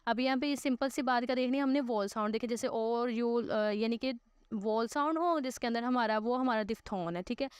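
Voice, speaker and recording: Woman teacher, online class, patient explainer, mixes English terms into Hindi-Urdu, smooth voice. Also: a little high, moderate pace, no room sound. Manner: patient, repeats "ठीक है" to check understanding.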